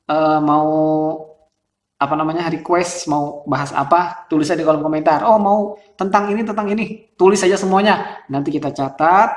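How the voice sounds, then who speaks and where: A male host, talking casually and chattily about vocal character with frequent laughs and fillers. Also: fairly high pitch. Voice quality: describes his voice as thin and reedy. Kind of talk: casual explanatory talk. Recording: roomy echo.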